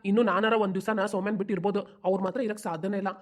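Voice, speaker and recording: A woman voicing a calm young man from North Karnataka. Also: medium pitch, very fast, lightly acted. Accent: North Karnataka Kannada. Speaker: voice actor for a cartoon. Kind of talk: cartoon family drama dubbing.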